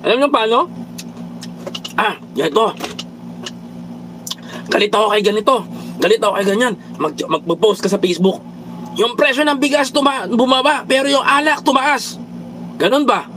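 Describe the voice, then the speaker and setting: A Filipino man with a high-pitched voice hosts a casual political commentary livestream, reading viewer comments aloud. He lectures his audience as brothers and countrymen, slipping English phrases in among his words. Faint vehicle noise hums behind him. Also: expressive, normal speed, pauses often, sharp tone, rough recording. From Philippines. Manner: preachy, repeatedly addresses viewers as brothers and countrymen.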